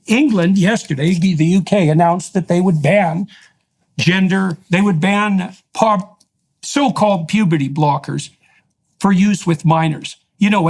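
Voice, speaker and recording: A man hosting a heated interview, pressing his points forcefully in long, winding sentences. His voice sits a little higher than most men's. He stacks clause upon clause without letting up. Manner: emphatic, forceful arguing in long run-on sentences. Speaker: podcast host.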